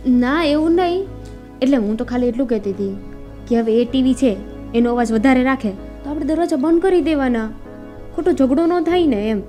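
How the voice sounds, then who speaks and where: A woman playing a gentle, mellow young peacemaker. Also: high-pitched, expressive, normal speed, faint music behind. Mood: pleading. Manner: pleading, conciliatory.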